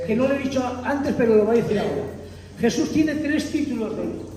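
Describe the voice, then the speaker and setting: Male preacher, very high voice, lively and emphatic, distant in a reverberant church hall. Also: fast, a little hiss or hum. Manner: animated, emphatic, addresses congregation as brothers. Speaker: visiting preacher. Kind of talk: sermon. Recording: echoey hall, mic far off.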